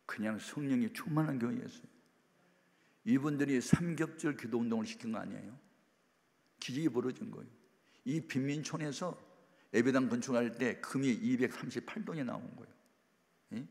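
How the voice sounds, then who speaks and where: A male pastor telling a story in a sermon, lively and acting out the people in it, in a church. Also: medium pitch, brisk, gravelly, long pauses. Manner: animated, acts out the people in his story. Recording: long hall reverb.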